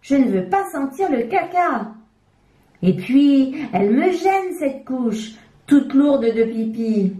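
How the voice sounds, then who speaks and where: Brief: woman doing a storybook chick girl, high and eager, slow, in an echoey room. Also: sing-song, dark tone, full character voice. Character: little chick girl, curious, excitable.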